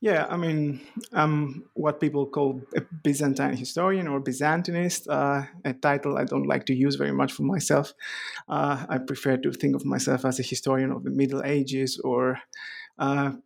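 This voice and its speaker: A man's voice: medium pitch, little pitch movement, normal speed, vocal fry. A man from Greece, a historian guest on a podcast interview, speaking with many fillers and restarts.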